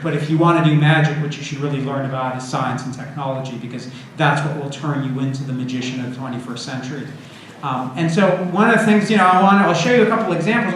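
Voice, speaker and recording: A male university computer science lecturer with a slightly high voice speaks informally and conversationally, checking in with "right?" and "you know." He is in an indoor lecture room with an audience, and the recording is very echoey with audible background noise.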